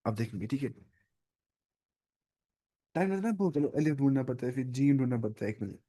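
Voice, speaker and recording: A man's voice: mid-range voice, brisk, mellow. A man with an Urdu-speaking accent teaching an online Arabic lesson, thinking aloud, looking up words and correcting himself as he goes.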